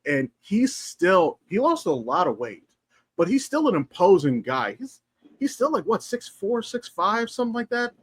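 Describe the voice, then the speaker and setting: A man co-hosting a casual podcast, talking in an animated, profane way that jumps up in pitch when he gets excited. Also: moderate pace, breathy edge. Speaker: podcast co-host.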